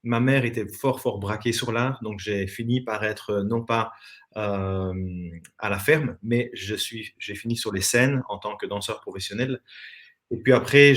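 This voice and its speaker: With a fairly bright, mid-range voice and a Belgian French accent, this Belgian man, once a professional dancer, reflects earnestly on his story. He's a guest on a casual interview held over a video call.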